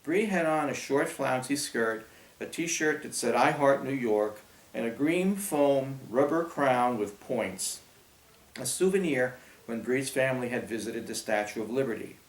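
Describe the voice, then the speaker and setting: A man narrating a children's audiobook in a steady storytelling manner. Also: mid-range voice, unhurried. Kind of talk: scripted narration. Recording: roomy echo.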